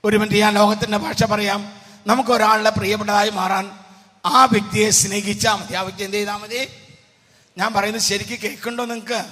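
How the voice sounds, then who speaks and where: A man's voice: high voice, flat delivery, fast talker, a bit bright, soft background music. A male preacher from Kerala giving a retreat sermon, quizzing his congregation and urging them to answer aloud, his voice strained and fading. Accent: Kerala Malayalam. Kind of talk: retreat sermon with call-and-response. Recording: hall reverb.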